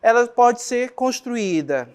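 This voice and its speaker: Professora brasileira explicando gramática. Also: female voice, a little high, animated, slow, darkish tone, clean tone. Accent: Brazilian Portuguese. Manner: explanatory, checks in often with "certo?" and "olha só". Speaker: teacher. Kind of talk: classroom grammar lesson.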